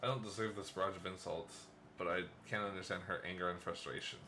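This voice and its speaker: Deep-voiced man reading a visual novel. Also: fairly even intonation, quick pace, sharp tone, slight background noise. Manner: first-person game narration, playful asides and chuckles. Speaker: let's play host.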